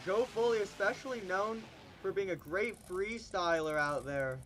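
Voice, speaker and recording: Booming and stretching every hype call, a man announces a monster truck show like an arena announcer as his voice fades. It sounds a bit bright, with a little hiss or hum in the audio.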